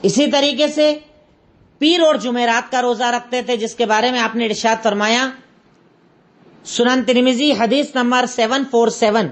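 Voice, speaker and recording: A woman's voice: a little high, steady tone. A woman with an Indian Urdu accent teaching an Islamic lesson, explaining step by step and repeating her references. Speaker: religious teacher.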